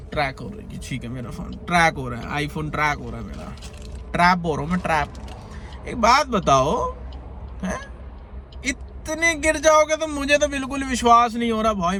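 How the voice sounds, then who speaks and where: A man vents to his viewers in a rambling, indignant rant, circling back to the same points. His voice sits high. He records on a phone from inside a car on the highway, with faint road noise underneath. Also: bright, forceful tone. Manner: indignant, rambling, repeating himself. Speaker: content creator. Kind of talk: agitated vlog rant to viewers.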